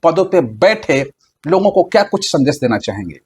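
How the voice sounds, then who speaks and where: Guy interviewer, pretty high voice, pokes with sharp questions. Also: very animated, moderate pace, breathy edge. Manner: pointed, probing questions.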